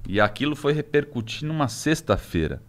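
A young Brazilian man with a Brazilian Portuguese accent, a podcast guest talking casually and haltingly with many restarts. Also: medium pitch, big pitch swings. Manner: hesitant, many restarts and fillers. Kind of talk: casual interview talk.

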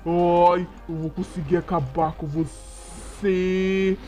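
A man's voice: fairly even intonation, slow, dark tone, faint music behind. A man doing a taunting vengeful dinosaur villain. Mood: menacing taunts. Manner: taunting, low and threatening.

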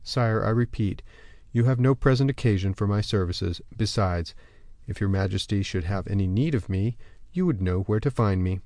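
A man's voice: lowish voice, moderate pace, dry recording, close to an everyday voice. D'Artagnan, a man doing a sardonic musketeer. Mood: dry irony. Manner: quiet, sarcastic irony. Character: sardonic male musketeer, dry ironic wit.

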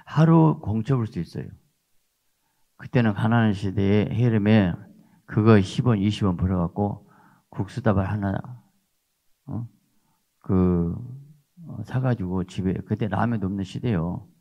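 An older man preaching with emphasis, pressing his points with questions to the congregation. His voice is low and gravelly. The recording sounds dull and lo-fi. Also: measured pace, long pauses, warm tone. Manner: emphatic, repeats rhetorical "어?" tags. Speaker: pastor. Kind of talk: sermon.

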